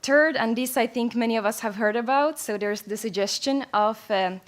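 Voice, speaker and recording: Speaking at a conference, a young woman from Finland walks through the results of a survey. Her voice is a little high, and her delivery stays measured while she often leans on fillers.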